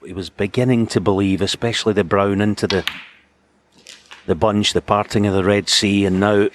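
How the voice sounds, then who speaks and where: A man giving hushed, measured snooker commentary as a match commentator. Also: lowish voice, fairly even intonation, a little hiss or hum.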